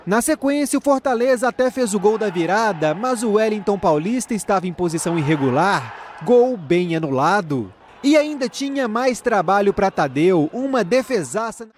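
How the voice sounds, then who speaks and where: High-pitched Brazilian man recapping football. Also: lively intonation, moderate pace, slight background noise. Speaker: football highlights narrator. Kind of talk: scripted sports recap.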